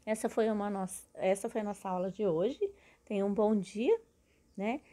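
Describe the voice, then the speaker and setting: A woman teaching a recorded grammar lesson, explaining slowly and splitting words into syllables, often checking in with her students. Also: medium pitch, warm tone.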